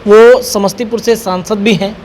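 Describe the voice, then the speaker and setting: A woman hosting a news discussion, speaking in a measured way as she sets up questions for her colleague. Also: medium pitch, steady tone, darkish tone. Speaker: news host.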